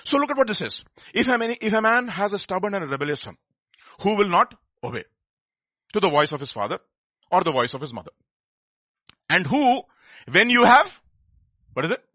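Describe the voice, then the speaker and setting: Animated Indian preacher with a bright, husky voice. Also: male voice, sits high, a little fast, long pauses, dry recording. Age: middle-aged. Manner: conversational, questioning, repeats phrases for emphasis. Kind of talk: animated sermon.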